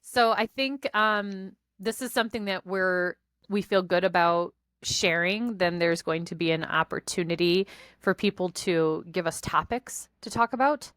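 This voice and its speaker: A woman's voice: on the low side, unhurried, a bit bright, clean tone, dry recording, studio quality. Bubbly, rambling woman co-host. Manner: bubbly, giggly, rambling with many restarts. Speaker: spiritual practitioner and co-host. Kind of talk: casual chat.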